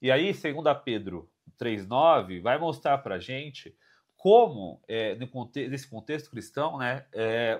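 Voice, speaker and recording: Brazilian man with a tongue-tied lisp. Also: medium pitch. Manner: explanatory, halting, often seeking agreement. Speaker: podcast co-host. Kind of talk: informal Bible teaching.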